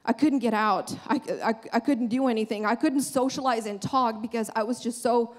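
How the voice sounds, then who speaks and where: A woman's voice: a little high, steady tone, moderate pace. A young woman giving an earnest, conversational sermon on a church stage, speaking into a handheld microphone and often restarting her sentences. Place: large church stage, indoors.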